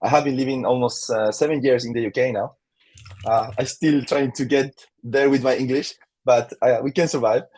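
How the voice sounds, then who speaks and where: A man's voice: medium pitch, fairly even intonation, moderate pace, a little mellow. A man from Chile with a Chilean Spanish accent, a guest in a casual interview, talking with many fillers and restarts and laughing easily.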